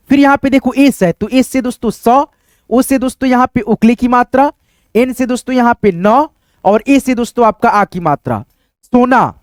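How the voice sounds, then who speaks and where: A man's voice: very high-pitched, no room sound, studio quality. A man teaching a spelling lesson to camera, spelling words out letter by letter and calling his viewers friends in almost every sentence. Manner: repeats "dosto" constantly, spells out words letter by letter. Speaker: English teacher.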